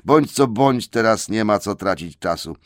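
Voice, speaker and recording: A man doing a brisk commanding old wizard. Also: on the low side, expressive, dry recording, studio quality, natural voice. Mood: urgent.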